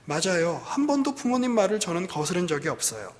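A man's voice: sits high, sing-song, fast talker, voice pushed up. A man voicing a frustrated thirty-year-old pastor's daughter, pleading and resentful, in a reverberant hall. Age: 30s.

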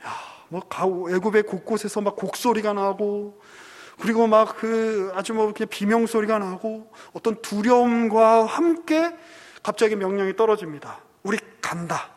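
High-voiced pastor preaching in a hall. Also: male voice, moderate pace. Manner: storytelling with acted quotes and audience asides. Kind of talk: sermon.

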